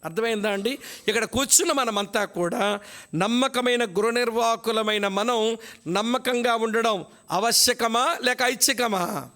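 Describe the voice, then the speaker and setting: A man's voice: very high voice, measured pace, pushed and bright. A male pastor preaching an expository sermon, emphatic and often asking the congregation questions. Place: church.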